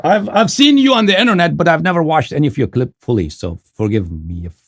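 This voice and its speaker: A male host with a gravelly, husky voice that swings widely in pitch. He grills his caller with pointed, animated questions during a live debate show. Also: fast talker.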